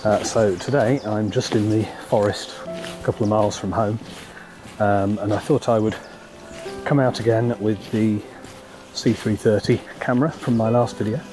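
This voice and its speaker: A photography vlogger with a fairly low, cold-roughened voice narrates casually while strolling through a forest. He sounds relaxed but hesitant, dropping lots of ums between thoughts, with loud music underneath and a rough overall recording.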